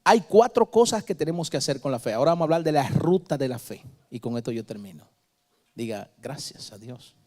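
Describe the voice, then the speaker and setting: A male preacher with a fairly high voice tells his sermon as a vivid story. He swings from hushed asides to loud, emphatic peaks. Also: lively intonation, quick pace.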